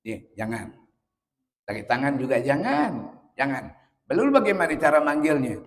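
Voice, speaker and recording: A man's voice: mid-range voice, very animated, moderate pace, long reverb tail. A man teaching a religious lesson. He reads Arabic lines from the book, then explains them with playful everyday examples. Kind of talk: kitab study lesson.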